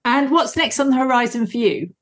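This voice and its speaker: A woman hosting a podcast interview, asking polite, measured questions. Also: fairly high pitch, expressive. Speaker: podcast host.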